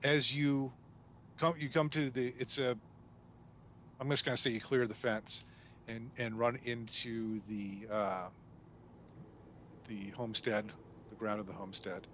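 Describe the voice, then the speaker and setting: Male game master, narrating a tabletop game, halting delivery, medium pitch. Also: fairly even intonation, fairly bright tone, a little hiss or hum. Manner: hesitant, with frequent fillers and restarts.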